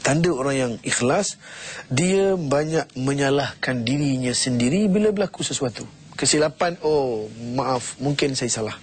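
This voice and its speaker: A middle-aged man giving a motivational sermon, talking in a lively, conversational way that swings up and down. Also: fairly high pitch, slight background noise. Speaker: preacher.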